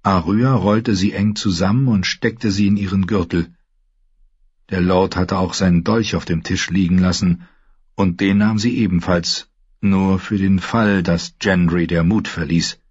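A man narrating a story in a calm, measured storytelling manner. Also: deep voice, breathy edge, no room sound. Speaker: audiobook narrator. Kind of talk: scripted narration. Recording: dull lo-fi recording.

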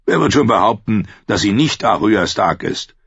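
A man's voice: lowish voice, lively intonation, normal speed, a bit bright, breathy edge, no room sound, pitched above the performer's own voice, full character voice. A man doing a sardonic knight. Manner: dry, sardonic. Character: cynical, mocking one-handed man knight. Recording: dry, slightly dull studio audio.

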